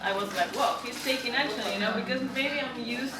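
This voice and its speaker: Speaking briskly in a voice on the high side, a native Spanish-speaking woman from Argentina gives casual interview answers in her Argentine accent. Heavy background noise and chatter, echo and a distant mic color the recording.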